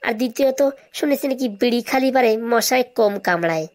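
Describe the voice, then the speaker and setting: In a comedy cartoon, the cheeky buck-toothed schoolboy comes across as brazen and confident, glibly talking back with absurd self-assurance. The performer uses a natural, medium-pitched voice that's animated and fast.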